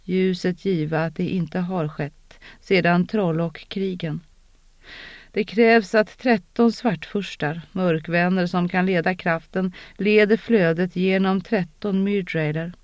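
A narrator voicing a calm, stern older woman mentor who speaks low and measured, in an audiobook reading on a dull, lo-fi recording. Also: no room sound, close to an everyday voice. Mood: hushed.

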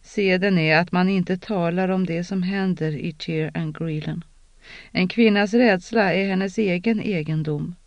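A narrator voicing a calm, stern older woman mentor who speaks low and measured, in an audiobook reading on a dull, lo-fi recording. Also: no echo, close to an everyday voice. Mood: hushed.

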